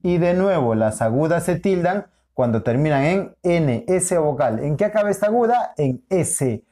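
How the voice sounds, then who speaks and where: In a recorded online lesson, a male school teacher speaks with a fairly high, mellow voice and lively intonation. He's patient and drawn out in his explaining, repeating things and checking in with frequent short questions.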